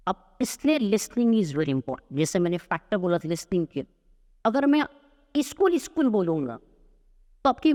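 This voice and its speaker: A man's voice: high voice, darkish tone. A man from Maharashtra coaching spoken English in a podcast interview. He talks emphatically, stacking promises and examples. His voice carries a long reverb from the room. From Maharashtra, India. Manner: emphatic, mixes Hindi and English.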